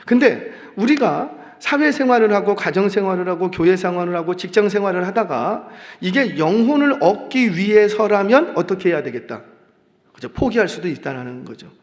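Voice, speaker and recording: A middle-aged male pastor preaching in a church, animated and often putting questions to the congregation. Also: high-pitched, normal speed. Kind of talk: sermon. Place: church sanctuary. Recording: long church reverb.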